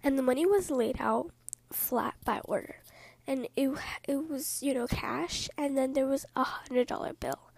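A woman with a high voice tells a story in whispered storytelling style, hushed and soft. She goes slowly, drifting into rambling little asides, and the sound is close and completely dry. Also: creaky, no echo. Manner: slow, hushed delivery.

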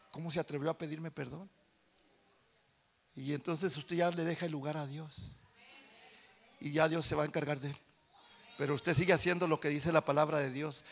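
A man preaching a sermon as pastor in a church, animated, swinging from soft confiding talk to loud shouting. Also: fairly high pitch.

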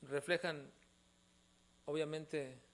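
A man preaching a sermon, calling his listeners brothers and moving between quiet explanation and emphatic appeals. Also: fairly high pitch, fairly even intonation, drawn-out words. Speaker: pastor.

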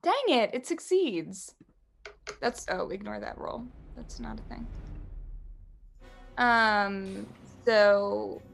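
A woman's voice: medium pitch, animated, slow pace, gravelly, long pauses, soft background music. A woman playing a tabletop game, unsure of her spells, apologetic and giggly. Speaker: player. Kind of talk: casual tabletop play.

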